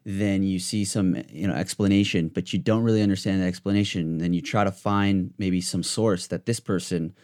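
A man's voice: low-pitched, steady tone, moderate pace, hardly any pauses, darkish tone. A man hosting a podcast, talking in a loose, rambling way full of fillers and restarts. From United States. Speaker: podcast host. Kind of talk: casual podcast chat.

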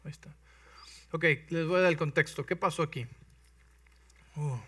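A man preaching a sermon in lively storytelling style, acting out voices and checking in with his listeners. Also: on the high side, moderate pace, husky, dry recording. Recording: voice from some distance, dry.

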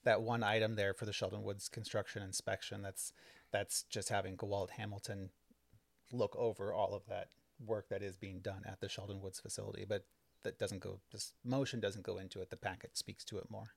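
Male podcast host at home, low dry voice, relaxed explanatory recap of local board meetings. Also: brisk, vocal fry, no echo. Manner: explanatory, chatty, many fillers. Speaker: village trustee and podcast host. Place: home, kids and cats in the house.

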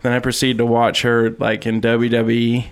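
A man's voice: mid-range voice, completely flat delivery, normal speed, clear, resonant tone. A young man co-hosting a casual podcast chat, sarcastic and swearing freely. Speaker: podcast co-host.

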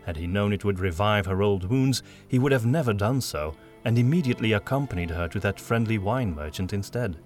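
A man reading a fantasy audiobook in a measured storytelling manner. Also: fairly low pitch, expressive, faint music behind. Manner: measured storytelling, doing all the voices. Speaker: narrator. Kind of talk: scripted audiobook narration.

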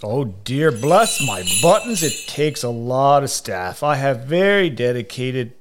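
A man's voice: medium pitch, big pitch swings, measured pace, background noise. A man playing jolly old Santa Claus in a podcast interview, chuckling and saying "oh, dear" often.

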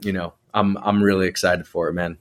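A podcast host chatting loosely with a friend. He is a man with a fairly low voice and a slight lisp. He rambles and restarts his sentences often. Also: level tone, a little fast. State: slight lisp from new aligners. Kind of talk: casual podcast chat.

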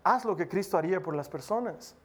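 A man's voice: high-pitched, animated, a little fast, a bit bright. A male preacher exhorting his congregation, illustrating his sermon with personal stories. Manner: exhorting, storytelling with mimicry.

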